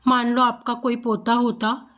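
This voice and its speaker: A woman's voice: fairly high pitch, level tone, a little slow, a bit bright, a little hiss or hum. A woman doing a frightened young bride. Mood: tearful. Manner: wailing, anxious imagining. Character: young newlywed wife, fearful and weepy.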